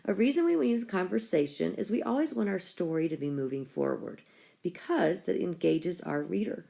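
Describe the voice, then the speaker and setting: A woman's voice: fairly low pitch, lively intonation, normal speed, vocal fry, warm tone. A woman schoolteacher explaining a writing lesson to her class step by step. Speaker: school teacher.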